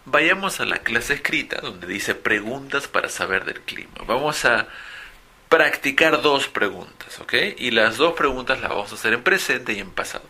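Gravelly, bright-voiced teacher. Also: male voice, mid-range voice, lively intonation. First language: Spanish. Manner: models English phrases slowly and loudly, often asks "¿ok?". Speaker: English teacher. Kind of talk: recorded vocabulary lesson.

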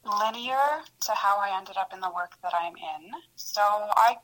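A woman's voice: medium pitch, a little slow, a bit bright, low-quality recording. A woman in her thirties, a native Hungarian speaker raised in Canada, giving a candid, reflective radio interview and laughing at herself. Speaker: radio guest, producer.

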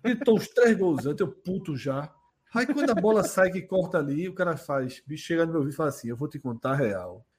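A man's voice: sits high, lively intonation, fast talker, slight background noise. A man chatting casually as a podcast co-host, full of slang and swearing. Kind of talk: casual chat, anecdotes about betting.

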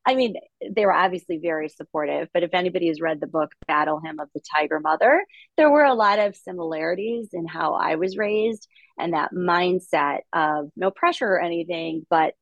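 Guest, woman, middle-aged, from Latvia; articulate, upbeat storyteller, lowish voice, dry close recording. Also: a little fast, no room sound, muffled recording. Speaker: podcast guest, investor. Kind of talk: conversational interview.

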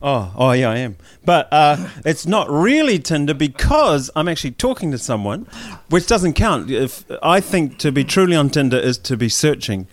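A man's voice: on the high side, sing-song, moderate pace, few pauses, no echo. A man with a broad New Zealand accent, a podcast co-host chatting in an offhand, slangy, joking way. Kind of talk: casual chat.

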